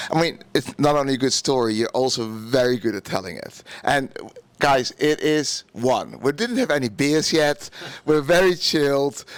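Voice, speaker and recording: A man's voice: medium pitch, fairly bright tone, no room sound. A man hosting a podcast, chatting casually and encouraging his guest with short reactions. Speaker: podcast host. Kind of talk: casual interview chat.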